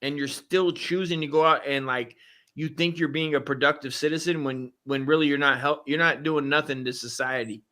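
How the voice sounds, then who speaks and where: A man with a slightly high voice co-hosts a casual podcast. He rambles and swears, restarting his sentences again and again. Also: fairly even intonation, moderate pace, sharp tone. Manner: rambling, profane, restarts often. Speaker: podcast co-host.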